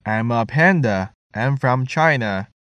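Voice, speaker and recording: A man reading English listening-test items clearly and deliberately, repeating each sentence. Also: mid-range voice, expressive, a bit bright, dry recording.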